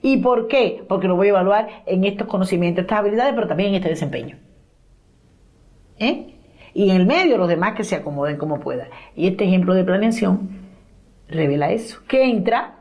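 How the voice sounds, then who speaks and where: A woman giving a course lecture, lively, posing questions and answering them, and acting out quoted voices in her stories. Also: medium pitch, fairly quick, highs cut off. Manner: acts out quoted voices in anecdotes.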